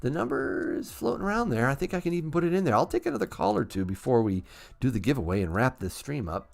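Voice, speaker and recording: Excitable ranting male livestream host. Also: medium pitch, quick pace, creaky. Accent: New England. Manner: ranting, excitable, laughs at himself. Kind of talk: casual call-in livestream talk.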